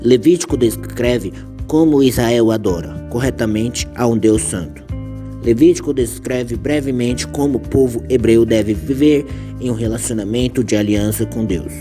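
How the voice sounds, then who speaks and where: A man's voice: medium pitch, moderate pace. A man reading scripted explanatory narration. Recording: clear music behind narration. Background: music.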